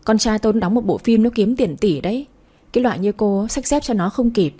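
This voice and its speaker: A woman's voice: medium pitch, lively intonation, fairly quick, warm tone, slightly rough. Woman putting on a scolding old mother-in-law. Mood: scornful. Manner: scolding, then wailing self-pity. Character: sharp-tongued scornful old mother-in-law.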